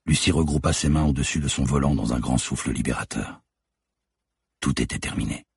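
A man narrates the audiobook in a measured, somber way, his voice extremely deep and heavily breathy. The sound is dry and close, with no room around it. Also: no room sound. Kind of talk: scripted narration.

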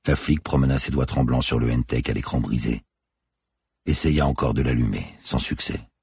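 A man narrating a thriller audiobook in a measured, somber way. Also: a bass voice, darkish tone, husky, no room sound.

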